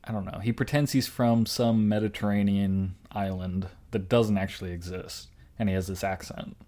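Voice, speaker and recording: A young man with a fairly low voice talks casually as a podcast co-host. He rambles through his stories and keeps circling back with fillers and restarts. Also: fairly even intonation, moderate pace, warm tone. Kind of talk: casual chat.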